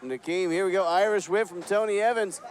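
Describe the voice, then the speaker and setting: A man's voice: high voice, fairly even intonation, a little fast, background noise. A man calling wrestling play-by-play, sarcastic and exasperated with his broadcast partner. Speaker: play-by-play commentator. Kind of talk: wrestling commentary.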